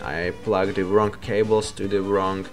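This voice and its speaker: A young man talks casually to his viewers in English, stopping often to correct himself. His voice sits fairly low and he takes his time over each phrase. Faint music plays underneath. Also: flat delivery. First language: Slovak. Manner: halting, with frequent self-corrections. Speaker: YouTuber. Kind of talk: casual vlog talk.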